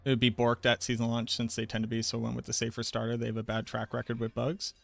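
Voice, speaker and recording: A man's voice: medium pitch, completely flat delivery, quick pace, creaky, dry recording. A man streaming a video game, chatting casually and playfully as he plays. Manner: playful, joking commentary. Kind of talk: casual live gameplay chat.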